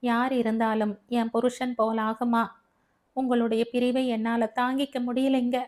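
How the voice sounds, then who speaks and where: A woman's voice: fairly high pitch, little pitch movement, unhurried, a little mellow, close to an everyday voice. A woman reading the lines of a clingy young newlywed wife in an audio novel, in a pleading way.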